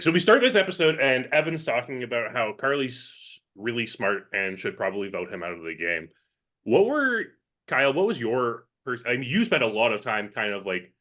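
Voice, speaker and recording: A man's voice: on the low side, fairly bright tone. A man hosting a casual interview and asking loose, slangy questions. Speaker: host.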